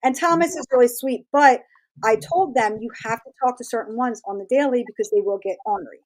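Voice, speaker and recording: A woman in her forties, a tattoo artist guest, telling stories in a lively, laughing way and acting out what others said. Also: fairly high pitch, fairly quick. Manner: animated, laughing, acts out quoted voices. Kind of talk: casual storytelling interview.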